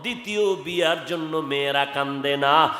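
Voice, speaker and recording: A man delivers a sung sermon, his bright, ringing voice fairly high and unhurried. He chants in long melodic lines that climb to loud calls. The recording carries a long hall echo with faint music behind him. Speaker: preacher.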